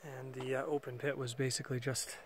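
Here a Canadian mine explorer walks an old mine site outdoors, filming and narrating casually into a camera mic while thinking aloud with fillers. He talks briskly at a medium pitch with little pitch movement, over slight background noise.

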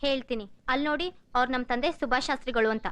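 Actress as a young woman defending her man, high, quick voice. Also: fairly even intonation, very noisy, natural voice. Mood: defensive. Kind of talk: film dialogue.

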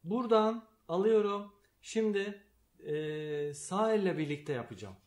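A man giving a slow, patient piano lesson, calling out note names as he plays. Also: sits high, lively intonation. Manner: calls out note names while playing, explains patiently. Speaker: piano teacher. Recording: piano music under the voice. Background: piano playing.

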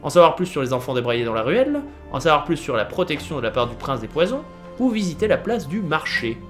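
A man's voice: fairly high pitch, big pitch swings, quick pace, soft background music. A man streaming a game live, reading the story text aloud and chatting with viewers between votes. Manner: reads game text aloud, chats with viewers, laughs often.

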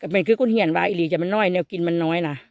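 A woman's voice: fairly low pitch, racing, darkish tone, no room sound. A woman with an Isan Thai accent, vlogging in a bamboo forest on a handheld phone, chatty and teasing as she talks to viewers. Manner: chatty, teasing, exclaiming often. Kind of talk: casual chat to viewers.

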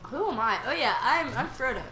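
Giggly high-voiced woman gaming. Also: animated, a little fast. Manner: giggly, swears casually, shouts at the game. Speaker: co-op game player. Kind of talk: casual gaming chat. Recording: echoey room with background noise.

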